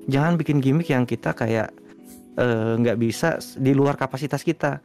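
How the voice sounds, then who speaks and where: A man, a guest streamer, chatting casually in an interview, relaxed and rambling with lots of fillers. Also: medium pitch, normal speed, faint music behind.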